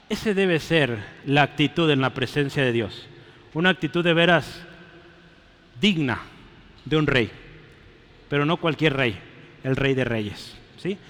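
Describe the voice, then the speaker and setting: A man preaching a sermon in a church, fervent, often rising to loud exclamations and checking in with his congregation. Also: a little high. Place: church sanctuary. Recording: echoey church hall.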